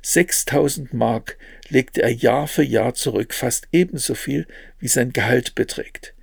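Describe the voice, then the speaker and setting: A man's voice: mid-range voice, a little slow, creaky, breathy edge, dry recording, clean studio sound, exaggerated voice. Man reading as an earnest, worried mother.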